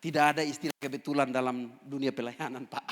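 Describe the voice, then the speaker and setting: A man's voice: medium pitch, fast talker. Pastor guy from east nusa tenggara preaching, storytelling sermon, big hall echo. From East Nusa Tenggara, Indonesia. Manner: animated preaching, with emphatic climbs and quiet asides. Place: church. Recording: church hall reverb.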